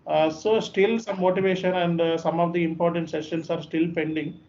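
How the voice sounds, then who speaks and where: Telugu-accented Indian man, flat-toned trainer, muffled call. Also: a little high, a little fast. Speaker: software course trainer. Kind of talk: informal talk to online students. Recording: muffled online call with background noise.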